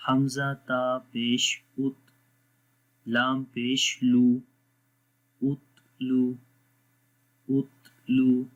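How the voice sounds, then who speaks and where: A man teaching Quran letter pronunciation, spelling out syllables one by one and stretching the vowels, then explaining the rules in quicker asides. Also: medium pitch, completely flat delivery. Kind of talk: slow spelling-out lesson. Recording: dull lo-fi sound.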